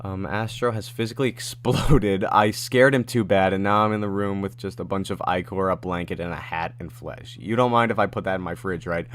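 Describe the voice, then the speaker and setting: A man's voice: deep voice, steady tone, fairly bright tone. Rambling man answering livestream chat. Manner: rambling, reads chat questions aloud, quick asides. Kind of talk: casual livestream Q&A. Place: at home in his room.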